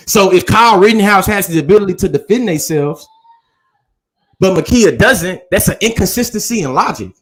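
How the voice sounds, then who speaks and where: Man, slightly high pitch, earnest, casual debate recap, long reasoned sentences. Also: expressive, normal speed.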